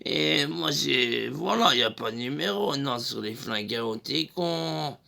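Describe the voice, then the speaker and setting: A man's voice: medium pitch, animated, unhurried, creaky, sharp tone. A young man telling a crude, rambling comic story full of fillers. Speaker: comedian.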